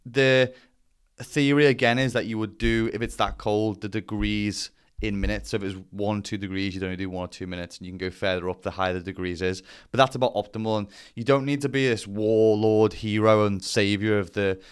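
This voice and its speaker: A man's voice: on the low side, steady tone, a little fast, smooth. A man giving a casual explainer as a vlogger, talking bluntly with some swearing and self-deprecation. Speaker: vlogger presenting to camera.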